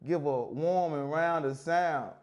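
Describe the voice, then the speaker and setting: Co-host, drawled slang, unhurried, raised pitch. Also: male voice, background noise. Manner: slow, drawling street slang. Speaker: podcast co-host. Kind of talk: casual chat.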